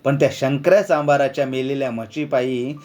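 A man's voice: mid-range voice, a little fast, darkish tone, close to an everyday voice. A man voicing a commanding village headman who scolds in rustic speech. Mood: stern.

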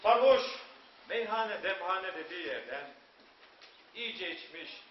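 An actor playing a moralizing father who tells cautionary tales on stage, with dramatic pauses. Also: sits high. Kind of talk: stage storytelling narration. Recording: echoey, muffled, noisy distant stage recording.

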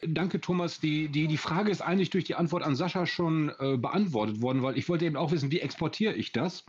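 A man's voice: a little high, fairly quick, a little mellow, breathy edge. A man taking part in an online webinar, asking questions with keen interest. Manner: enthusiastic, questioning. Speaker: webinar participant. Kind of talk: online discussion. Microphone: video call. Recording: dull lo-fi video call audio.

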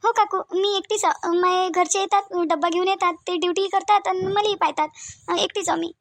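A lonely young new mother speaks in a soft, hesitant Varhadi accent for a cartoon. Her voice sits high and moves quickly. The sound is dry and close. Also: steady tone, no echo. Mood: sad. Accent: Varhadi Marathi. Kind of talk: cartoon voice acting.

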